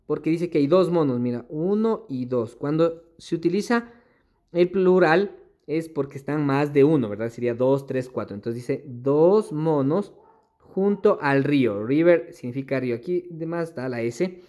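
Male primary teacher, patient and repetitive, reads English phrases slowly and translates them for kids. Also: fairly high pitch, lively intonation, dark tone. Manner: patient, repeats each sentence and checks understanding. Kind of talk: explaining a primary school worksheet.

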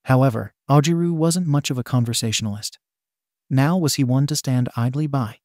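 Mellow-voiced man reading a story. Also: medium pitch, brisk, dry recording, studio quality. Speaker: narrator. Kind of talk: audiobook reading of fan fiction.

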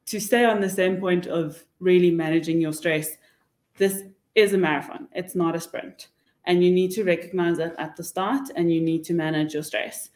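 A young South African woman with a lowish, slightly mellow voice offers candid, emphatic advice as a webinar panelist. It's a casual panel discussion picked up by a table microphone in an indoor meeting room that sounds roomy and echoey.

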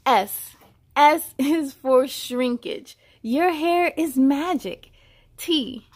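A woman with a high voice reads a picture book aloud to children at a slow pace, adding casual comments along the way. She speaks directly to her young listeners in an encouraging, affirming manner.

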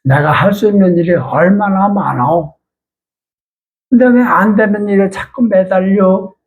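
A man's voice: high voice, measured pace, narrow, tinny audio. An older man preaching in a church, talking in a plain, conversational way and asking his listeners questions. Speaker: pastor. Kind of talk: sermon.

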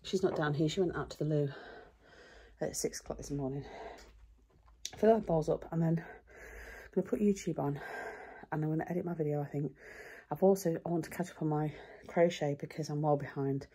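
A woman's voice: sits low, steady tone, fairly quick, mellow, slightly rough. A middle-aged woman, chatting casually and rambling through her day to a handheld camera at home. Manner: chatty, rambling, self-deprecating. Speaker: vlogger. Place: home and back garden.

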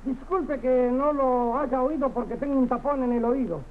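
A clownish, put-upon Argentine soldier in an old TV comedy sketch. His voice is very high, exclamatory and full of cheeky wisecracks. The vintage recording sounds tinny and noisy. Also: normal speed. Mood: cheeky, protesting. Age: middle-aged. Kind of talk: 1960s television sketch comedy acting.

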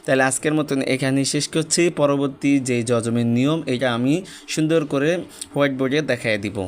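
A man gives a step-by-step lesson, sounding out each letter and vowel mark one at a time before joining them. His delivery is patient and repetitive, with syllables spoken deliberately. His voice sits at an ordinary middle pitch for a man. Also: steady tone, a little hiss or hum. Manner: spells out letters slowly and repeats syllables, patient. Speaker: religious teacher. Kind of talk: step-by-step Quran reading lesson.

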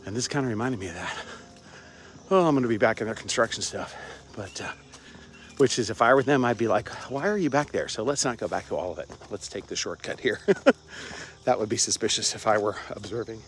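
Brisk and lowish-voiced, this older vlogger from Cincinnati, Ohio, chats and rambles while strolling outdoors on a suburban campus. He records on a phone held at arm's length with wireless earbuds, filling his talk with fillers and chuckles, and there's a little hiss or hum.

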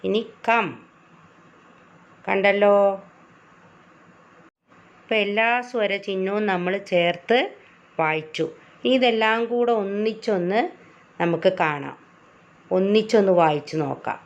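Slow, gravelly-voiced woman teacher. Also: mid-range voice. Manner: patient, drawn-out step-by-step explaining. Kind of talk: children's reading lesson. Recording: lo-fi recording.

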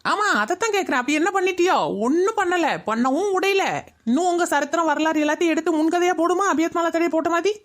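A sharp-tongued older woman in a cartoon scolds gossips with biting sarcasm, as a woman plays her. She speaks fast in a Kayalpattinam Tamil accent. Her voice sits high. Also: close to an everyday voice. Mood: scolding. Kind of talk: cartoon voice acting.

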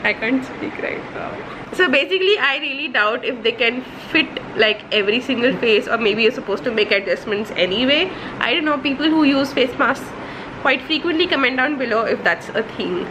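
Slow, giggly woman talking through a wipe. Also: high voice, animated. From India. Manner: chatty, giggly, asks viewers questions. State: speaking through a wipe over her mouth. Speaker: vlogger. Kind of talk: casual vlog talk to camera. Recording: echoey room with background noise.

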